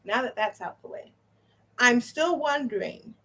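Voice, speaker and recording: A woman's voice: fairly high pitch, lively intonation, measured pace, sharp tone. A woman delivering an indignant, profanity-filled rant straight to the camera. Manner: swearing, indignant, emphatic. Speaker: vlogger.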